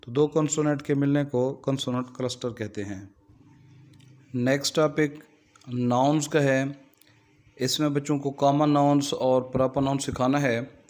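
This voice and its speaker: A man's voice: medium pitch, fairly even intonation, unhurried, a little mellow. A man, a teacher trainer, giving a methodical lecture that walks through a textbook and explains each point with worked examples.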